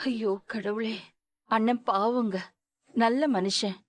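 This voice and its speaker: A woman's voice: fairly high pitch, fairly even intonation, slow. An actress in a TV serial playing a worried middle-aged mother and wife who pleads and reproaches through tears. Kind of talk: Tamil TV serial acting.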